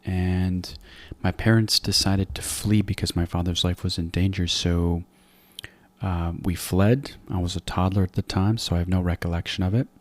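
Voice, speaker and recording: A man in his forties from Afghanistan, a podcast guest giving measured, reflective interview answers into a close mic. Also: deep voice, fairly even intonation.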